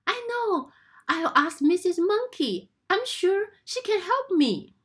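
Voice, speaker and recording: A squeaky, tearful mother kangaroo. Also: sing-song, slow, a bit bright, full character voice. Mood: hopeful. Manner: squeaky, pleading, sobbing. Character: tearful anxious mother kangaroo, female adult.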